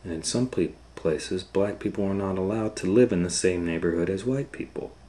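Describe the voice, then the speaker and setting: A storytime educator reads a children's book aloud in simple, deliberate phrases, adding explanatory asides along the way. He has a deep voice with a dark tone.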